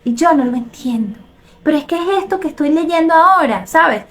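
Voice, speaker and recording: High-voiced Venezuelan woman hosting. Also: a little fast. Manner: animated, reads comments and reacts. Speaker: host. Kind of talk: live show monologue.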